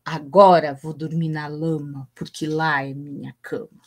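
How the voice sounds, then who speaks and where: A woman's voice: low-pitched, flat delivery, measured pace, a little mellow, a little hiss or hum, pitched below the performer's own voice. A woman voicing a carefree male hippo from a children's poem, reading in a playful sing-song way. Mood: content.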